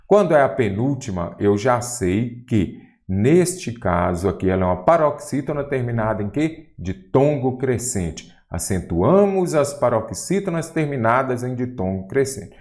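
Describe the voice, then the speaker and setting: A man's voice: lowish voice, a little mellow. A man teaching a grammar lesson for exam prep, quizzing the viewer with rhetorical questions.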